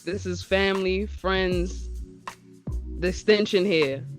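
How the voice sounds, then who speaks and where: A man's voice: sits high, fairly even intonation, slow, soft background music. A man hosting a radio show in a casual interview style.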